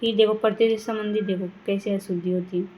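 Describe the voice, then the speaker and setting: A woman teaching a grammar lesson, reading words one by one and adding quick reminders to her students. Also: mid-range voice, steady tone, dark tone, slight background noise, poor audio. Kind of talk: classroom lesson reading word lists.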